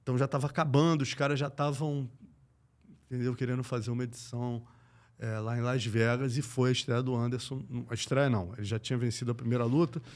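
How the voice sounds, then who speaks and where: A man from Brazil, an MMA journalist, telling stories in a lively, slangy way on a casual podcast. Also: medium pitch, fast talker. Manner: animated, slangy, acts out quoted voices.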